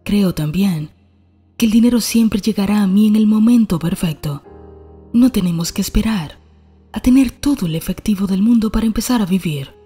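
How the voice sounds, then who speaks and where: A woman reading a scripted self-help narration in a calm, soft, breathy manner. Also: medium pitch, moderate pace, faint music behind.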